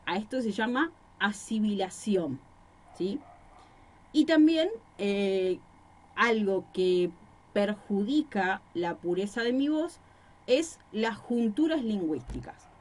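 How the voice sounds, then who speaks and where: A woman's voice: medium pitch, lively intonation, slow pace. A woman teacher with a Rosario Argentine accent, explaining a recorded class lesson with examples and rhetorical questions, speaking into a microphone in a small room. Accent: Rosario Argentine Spanish.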